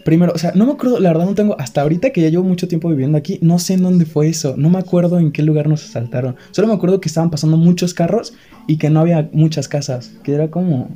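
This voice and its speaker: A young man with a Mexican accent tells a story in casual chat, rattling along quickly. His voice is mellow and a little high, and he breaks into nervous laughs now and then. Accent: Mexican Spanish.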